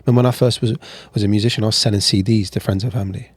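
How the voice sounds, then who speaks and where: A man talks openly about his own past as a guest, casual and chatty, often restarting his sentences. His voice sits a little low. The sound is dry, with no room echo. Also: steady tone, rapid-fire, husky. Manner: candid, chatty, frequent restarts. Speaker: podcast guest. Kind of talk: casual interview storytelling.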